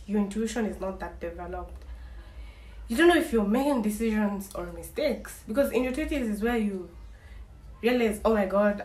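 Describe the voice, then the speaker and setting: A woman in her twenties vlogs to camera from a small indoor room, her mid-range voice carrying a darkish tone. She's candid and wry, rambling and restarting often, and the recording is echoey with a faint hiss.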